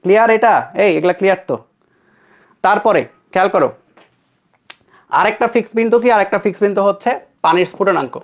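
Fast but with long pauses, this young man from Bangladesh has a voice that sits high. He runs an online physics class casually, frequently stopping to check on his students in a conversational way.

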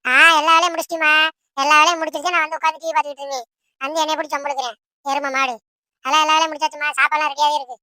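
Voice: high-pitched, little pitch movement, very fast, bright, forceful tone, no echo, studio quality. A voice actor playing quarrelling teenage siblings in a cartoon who whine and tattle on each other. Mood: whining. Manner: whining, tattling. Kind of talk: Tamil cartoon voice acting.

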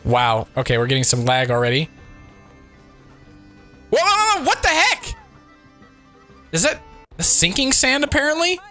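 A man talking through a video game while sick, his voice not quite back yet. He sounds bright and a little pitched up, and his voice leaps around as he reacts with sudden exclamations. Faint music plays underneath. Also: unhurried, pauses often. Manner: excitable, reactive, frequent exclamations and chuckles. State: sick, voice not fully recovered. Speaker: let's play host. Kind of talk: casual gameplay commentary.

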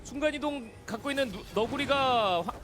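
A man doing live play-by-play as an esports caster, excitedly calling each action as it happens. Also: very high-pitched, moderate pace, music in the background.

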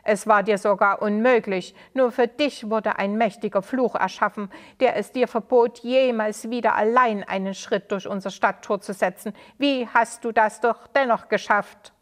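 A woman reading a children's story, voicing an angry grown man from the town who shouts accusations. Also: high-pitched, fairly even intonation, normal speed, few pauses. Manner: loud and accusing.

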